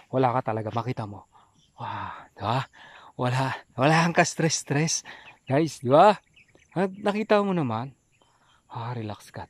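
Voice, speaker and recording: A man's voice: mid-range voice, a little mellow. Chatty man outdoors with crickets. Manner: chatty, repeats "no?" and "guys". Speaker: vlogger. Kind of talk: casual walking vlog. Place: outdoors in the countryside.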